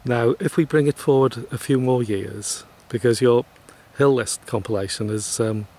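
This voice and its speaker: A man with a slightly husky, breathy voice asks his guest questions at an easy pace. He is polite and a little hesitant, pausing often on small fillers as he works toward each question. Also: medium pitch, darkish tone. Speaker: interviewer. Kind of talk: conversational interview.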